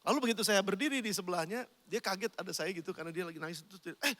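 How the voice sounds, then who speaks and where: A man's voice: high-pitched, racing, a bit bright, in a large hall. A man preaching a sermon as pastor, talking conversationally and addressing the congregation directly. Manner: conversational preaching, addresses listeners as brothers and sisters.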